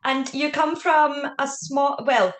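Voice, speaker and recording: A Scottish woman hosting a podcast interview, friendly and easy-going, quick to laugh. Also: high voice. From Scotland. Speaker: podcast host. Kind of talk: casual interview chat. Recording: roomy echo.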